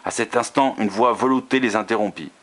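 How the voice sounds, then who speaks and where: A man reading a romance novel aloud, steady, with occasional slips and restarts. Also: lowish voice, fairly quick, slight background noise.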